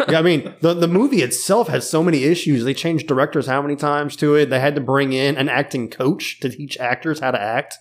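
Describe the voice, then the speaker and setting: A man's voice: on the high side, brisk, hardly any pauses. A man in his thirties co-hosting a podcast in casual chat, talking in rambling restarts and laughing often. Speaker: podcast co-host.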